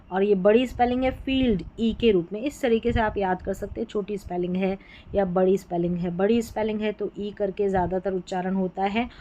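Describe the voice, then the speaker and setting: In a classroom-style phonics lesson, a woman patiently spells letter groups aloud before sounding out every English word. She has a mid-range, darkish voice, captured in a low-quality recording.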